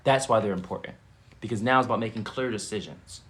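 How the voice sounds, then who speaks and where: A man's voice: lowish voice, fast talker, fairly bright tone. A man giving a live-streamed spiritual teaching, repeating himself and rising into emphatic bursts.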